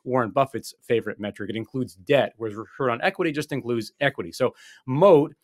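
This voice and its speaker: Via a desk microphone in a small office with wall panels, a man in his forties explains investing as a guest on a video call. The interview is conversational, and he restarts often and leans on fillers. His mid-range voice runs a little fast, and the audio is studio quality with no echo.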